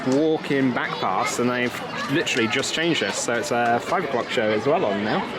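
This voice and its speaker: Filmed on a handheld camera at arm's length, this young British man talks casually to viewers as he vlogs his theme park trip. His voice sits at medium pitch with a moderate pace, and a busy outdoor crowd is audible all around.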